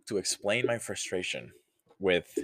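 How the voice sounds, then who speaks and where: A podcast host in his early twenties, with a very low and slightly bright voice, talks through a casual solo podcast. He speaks slowly and rambles, with sighs and small laughs along the way. The recording is close and dry, with no room sound or echo.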